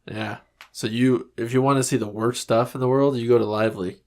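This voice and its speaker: A man's voice: medium pitch, brisk. A man co-hosting a comedy podcast in casual, jokey chat, acting out little scenes as he talks. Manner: animated, jokey, acts out scenes. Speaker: podcast co-host.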